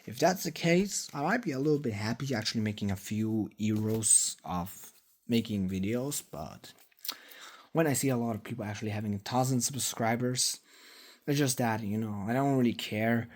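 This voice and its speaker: A man's voice: medium pitch, normal speed. A man of twenty giving a casual, rambling vlog update, swearing freely and filling gaps with fillers and restarts. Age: 20s. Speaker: YouTuber. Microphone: phone.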